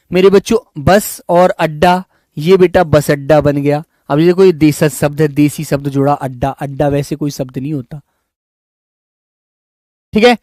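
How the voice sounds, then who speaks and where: High-voiced teacher, dry sound. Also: male voice, darkish tone, dry recording. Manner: addresses students affectionately as children, frequent "is it not?" checks; explains by listing example words one by one. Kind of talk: online exam-prep class.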